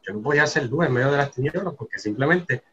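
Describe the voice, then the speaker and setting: A man's voice: mid-range voice, expressive, quick pace, a loud crowd. A man telling his personal faith testimony in a casual conversation, earnest and often checking in with the listener. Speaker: guest sharing a faith testimony. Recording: dull lo-fi sound with faint noise.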